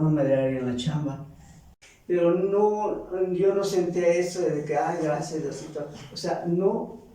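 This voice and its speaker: A man with a Mexican accent giving a halting, earnest personal faith testimony, often repeating words. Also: a little high, mellow. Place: large church hall. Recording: echoey church from far off.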